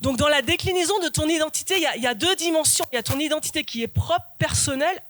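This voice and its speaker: Woman pastor, high-voiced, emphatic sermon delivery, dry close sound. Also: fast, fairly bright tone, no room sound. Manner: earnest, emphatic, repeats key phrases. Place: church.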